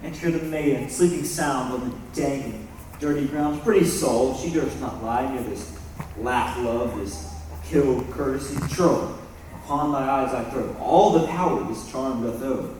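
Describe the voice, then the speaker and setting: A man's voice: medium pitch, a little mellow, slight background noise, natural voice. A young man playing Puck, a mischievous sprite. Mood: playful. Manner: brisk, rhyming verse delivery. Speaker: stage actor. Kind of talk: school stage play. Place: school stage. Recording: echoey hall from far off.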